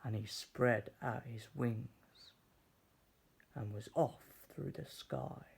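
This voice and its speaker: A man reads a children's story aloud as a storyteller, taking it deliberately and with dramatic pauses. His voice is mid-range, creaky, and has a breathy edge.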